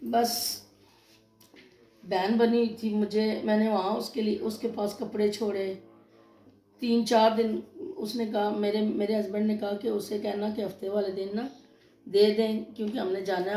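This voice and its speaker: A woman's voice: mid-range voice, level tone, warm tone, slight background noise. Pakistani woman venting about a falling out in her vlog, roomy echo, sewing machine clicks behind. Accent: Pakistani Urdu. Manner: emotional, tells of a quarrel, acts out both sides. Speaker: vlogger. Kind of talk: casual storytelling vlog.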